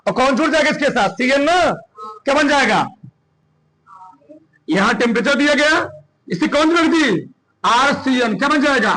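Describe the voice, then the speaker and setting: High, bright-voiced male teacher quizzing students. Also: expressive, low-quality recording. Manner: quizzing students with rapid questions. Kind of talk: classroom chemistry lesson. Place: classroom.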